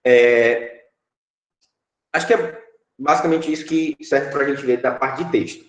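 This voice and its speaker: Over a webcam video call from an echoey room at home, a thirtysomething teacher with a Brazilian Portuguese accent walks his online class through app-building blocks on screen. His mid-range voice comes through muffled, and his explanations are sprinkled with "é" and the check-in "certo?".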